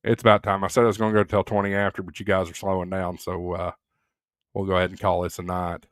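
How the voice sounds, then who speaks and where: A man's voice: sits low, little pitch movement, quick pace, smooth, no echo, clean studio sound. A man hosting a casual live stream, chatting loosely with many fillers and reading viewer comments aloud.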